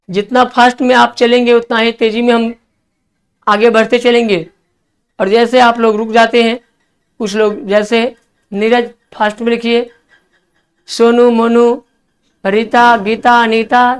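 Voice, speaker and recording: Man, classroom English-vocab teacher, clear smooth voice, spells words out, coaxing. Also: extremely high pitch. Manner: spells words letter by letter, coaxing students to write fast.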